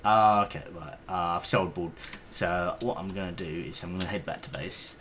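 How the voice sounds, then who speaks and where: A man's voice: deep voice, moderate pace, fairly bright tone, a little hiss or hum. A man streaming a game, chatting casually with hesitant, rambling talk and the odd swear. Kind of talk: casual gaming stream chat.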